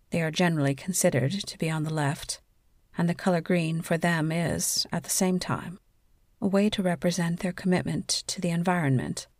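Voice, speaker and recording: A woman narrating a scripted sleep story in a soothing, measured bedtime delivery. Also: deep voice, a little mellow, no echo, clean studio sound.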